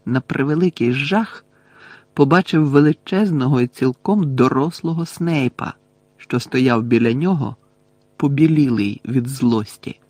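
A man reading an audiobook aloud with expressive storytelling. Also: medium pitch, unhurried, no room sound. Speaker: audiobook narrator.

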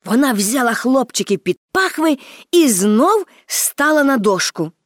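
A woman narrating a children's story aloud, expressive and with dramatic pauses. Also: high voice, dry recording, clean studio sound.

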